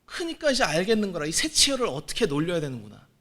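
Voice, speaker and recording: A man in his forties preaching a sermon as pastor, moving between quiet asides and loud exclamations. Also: high voice, huge pitch swings, quick pace. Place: church sanctuary.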